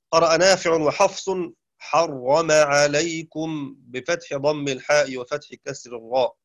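Man teaching in a measured way, dull dry sound. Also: fairly high pitch, fairly bright tone, no echo. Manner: measured, explanatory, with occasional chanted recitation. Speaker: Quran recitation teacher. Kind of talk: lecture.

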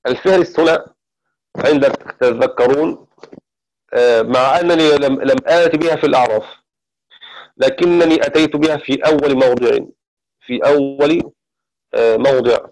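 A man's voice: medium pitch, low-quality recording. Methodical male Quran recitation teacher. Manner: steady, explanatory, pauses to correct himself. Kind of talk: methodical classroom lecture.

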